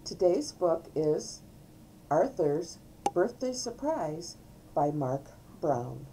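An older woman, a great-grandmother, reading a storybook aloud to small children in a gentle, coaxing way at home. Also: low-pitched, sing-song, drawn-out words, slight background noise, poor audio. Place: at home, filmed by a family member.

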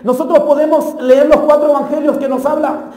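Man, pastor, impassioned sermon, shouting, high voice, long church-hall reverb. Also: little pitch movement, brisk. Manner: impassioned, often shouting, acts out a blind beggar's cries. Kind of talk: Pentecostal sermon.

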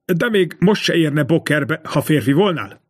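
A man doing a hoarse, scornful innkeeper's wife. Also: deep voice, lively intonation. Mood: taunting. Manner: taunting, needling.

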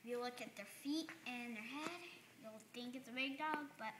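A woman chatting casually and excitedly at home about a new puppy. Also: fairly high pitch, normal speed. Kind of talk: casual home video chat. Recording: echoey room with clear background noise.

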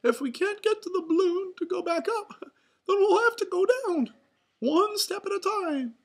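A woman voicing a cheery, bossy cartoon mouse leader from a storybook, in an excitable, exclaiming way. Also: very high-pitched, unhurried, voice pushed up, heavily acted. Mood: rallying. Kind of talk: storybook read aloud.

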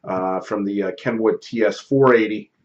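Speaking at a moderate pace in a fairly low voice, a middle-aged American ham radio operator chats casually, trading call signs and phonetic spelling. He's in his home office radio room at a close studio mic on a boom arm. The recording sounds muffled.

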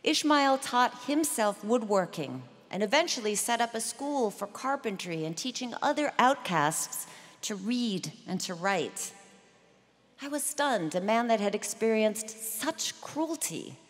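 A middle-aged woman delivering a prepared commencement speech in a deliberate, measured storytelling manner at a podium microphone. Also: a little high, animated. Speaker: commencement speaker. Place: large ceremony venue. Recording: long reverb of a big venue.

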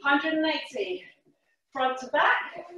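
A woman leading a workout class as a fitness instructor, calling short, energetic, encouraging cues and counts. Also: high voice, slow, highs cut off. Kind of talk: live workout class coaching. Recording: echoey room, far from the mic.

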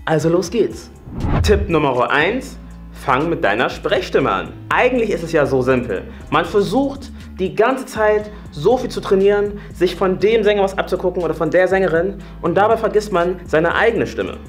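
A man's voice: high voice, big pitch swings, moderate pace, faint music behind. A man in his late twenties, a singing coach, giving an upbeat, chatty YouTube singing tutorial and demonstrating different voice types as he goes. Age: late 20s.

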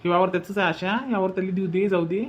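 A man's voice: high-pitched, level tone, fast talker, close to an everyday voice. A man voicing a henpecked village brother in a cartoon, with a Varhadi Marathi accent and a pleading, exasperated way of talking. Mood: resigned. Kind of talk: cartoon voice acting. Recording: dull lo-fi recording.

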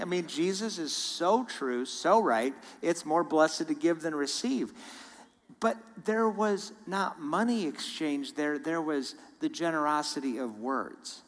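A male guest speaker giving a sermon in a church, telling stories in an animated way. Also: mid-range voice. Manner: animated storytelling with laughs. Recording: long hall reverb.

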